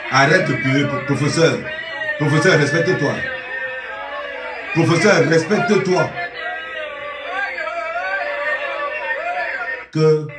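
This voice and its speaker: A man voicing a shrill, agitated woman who scolds and shrieks loudly in a Cameroonian French accent, recorded from a distance in an echoing room. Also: lightly acted. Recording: roomy echo, distant mic.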